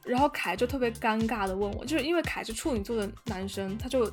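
A young woman telling a story in casual chat, animated and full of fillers and restarts. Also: on the high side, fast talker, music in the background. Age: young adult. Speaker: podcast guest storyteller.

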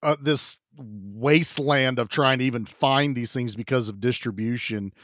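A man co-hosts a podcast with casual banter. His voice sits at a middle pitch and sounds dry and close. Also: moderate pace, a bit bright, no room sound. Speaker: podcast co-host.

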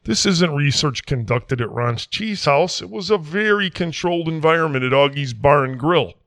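Guy doing a rambling quack doc, folksy and sure of himself, fairly high voice. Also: expressive, normal speed, fairly bright tone, dry recording, studio quality. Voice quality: folksy, rambling, self-assured. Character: folksy small-town Wisconsin "doctor", middle-aged man. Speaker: comic character in a mock interview.

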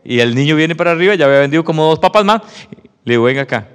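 Animated preacher in a reverberant hall. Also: male voice, on the high side, racing, smooth. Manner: animated storytelling, acting out dialogue. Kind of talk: sermon testimony.

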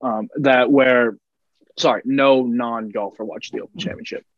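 A man's voice: medium pitch, steady tone, normal speed, dry recording, dull audio. A man co-hosting a sports podcast, rambling through long explanations of golf rules in casual chat. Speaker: podcast co-host.

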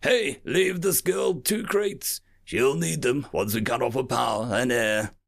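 A man voicing a menacing male alien pirate captain with a gravelly voice, mocking and falsely polite. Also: mid-range voice, measured pace. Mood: taunting.

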